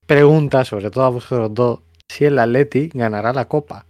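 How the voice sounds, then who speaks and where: A man's voice: medium pitch, normal speed, dry recording. A man co-hosting a podcast, chatting casually and leading with questions. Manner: lively, asks the questions. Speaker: podcast co-host. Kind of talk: casual chat.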